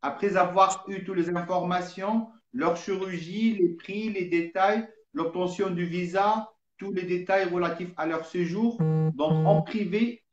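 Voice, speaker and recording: A man's voice: high voice, lo-fi sound, slight background noise. A man explaining things to live viewers as an agent, courteous and formal, often repeating words as he searches for them. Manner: courteous, formal, hesitant repetitions. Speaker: medical travel agent. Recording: echoey room.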